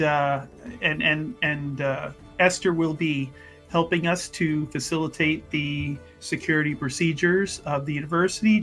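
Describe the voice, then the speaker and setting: A man with a slightly high, sharp-toned voice is playing a tabletop roleplaying game, improvising in character. His speech is hesitant and roundabout, and he keeps repeating words.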